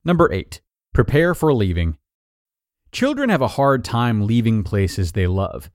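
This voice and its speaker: Man reading tips in a lively, dry voice. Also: mid-range voice, unhurried, dry recording. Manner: clear, even read-aloud delivery of numbered tips. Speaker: narrator reading an article aloud. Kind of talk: scripted narration.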